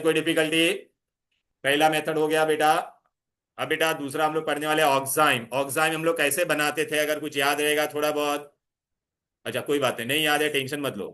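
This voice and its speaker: A man's voice: fairly high pitch, bright, forceful tone. A male chemistry teacher giving a classroom lecture, constantly coaxing students with questions and mixing in English terms. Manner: mixes Hindi with English terms.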